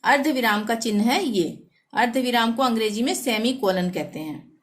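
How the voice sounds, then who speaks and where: A woman teaching a Hindi grammar lesson, reading example sentences slowly and deliberately. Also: a little high.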